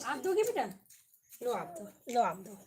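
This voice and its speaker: A woman with a Chhattisgarhi accent hosting a casual live cooking stream from her home kitchen, chatting to viewers while hushing and directing a small child. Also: fairly high pitch, big pitch swings, a little slow, noisy background. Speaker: cooking vlog host.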